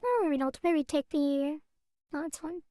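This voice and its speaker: A woman with a high, mellow voice livestreams her game coding. She thinks aloud in loose half-sentences and talks at an unhurried pace. The sound is close and dry. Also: lively intonation, no echo. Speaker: game developer streaming. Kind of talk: casual livestream while coding.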